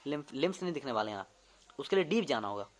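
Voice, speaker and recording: A man's voice: medium pitch, big pitch swings, very fast. A young man, a medical student, casually teaching an anatomy lesson, demonstrating movements and often repeating terms to check understanding. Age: young adult.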